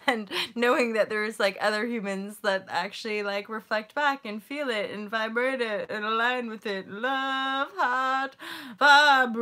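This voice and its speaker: A woman's voice: medium pitch, bright, forceful tone. A woman hosting her own live stream, chatting casually in a giddy, rambling way, swearing freely and saying "like" often. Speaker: channel host and founder.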